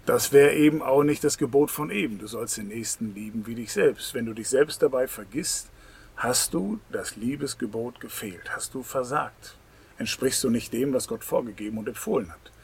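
A man preaching a sermon, swinging between loud, emphatic lines and near whispers. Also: medium pitch, normal speed, vocal fry, slightly rough.

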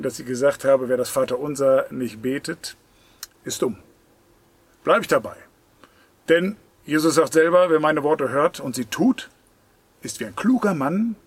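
Man, preacher, husky voice, earnest sermon, loud emphasis and hushed whispers. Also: mid-range voice.

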